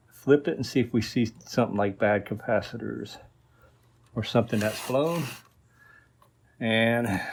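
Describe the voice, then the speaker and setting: Working through an electronics repair on camera, a man talks informally and thinks out loud in a casual workbench vlog. His voice is medium-pitched with a breathy edge.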